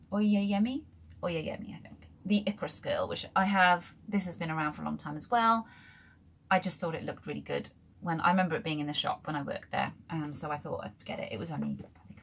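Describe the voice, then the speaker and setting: A woman's voice: lowish voice, fairly bright tone. A young woman in casual book haul chat at home, rambling into asides and filling gaps with ums. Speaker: book vlogger. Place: room full of books at home.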